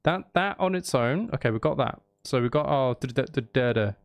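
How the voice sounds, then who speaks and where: Over a drum kit and music, a streamer making music live chats casually while recording drums, thinking aloud in a hesitant, self-interrupting, apologetic way. His mid-range voice is animated, a little fast, clear and resonant, captured dry at studio quality.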